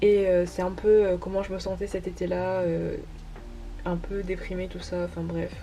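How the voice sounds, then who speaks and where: A woman's voice: lowish voice, little pitch movement, normal speed, warm tone, soft background music. A young woman casually talking through her sketchbook pages as an artist vlogger, hesitant and full of fillers. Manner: hesitant, many fillers, self-deprecating laughs. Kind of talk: casual narrated walkthrough.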